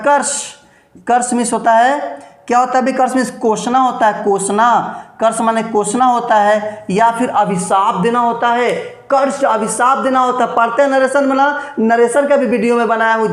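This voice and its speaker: A man's voice: very high voice, roomy sound. A man teaching a basic English lesson, explaining word sounds and meanings, constantly asking questions and answering them, and encouraging his students. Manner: drills words with repeated questions and answers; encouraging, promises and blessings to students.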